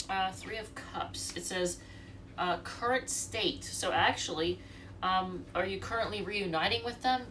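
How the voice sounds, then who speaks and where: A congested U.S. woman, blocked up by allergies, reads tarot in a loose, chatty way, speaking right to her audience and wandering as she goes. Her voice is fairly low and fairly bright, with a distant mic and slight background noise.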